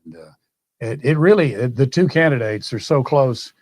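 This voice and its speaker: Male co-anchor, hoarse and losing his voice, halting delivery with fillers, dry close mic. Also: mid-range voice, expressive, darkish tone, dry recording. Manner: halting, casual, many fillers. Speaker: election night co-anchor. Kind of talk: live election commentary.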